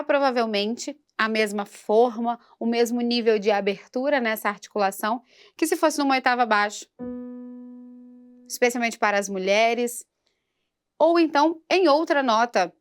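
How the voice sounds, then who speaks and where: A woman singing teacher giving a patient vocal lesson for a church program and breaking into short sung demonstrations. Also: on the high side.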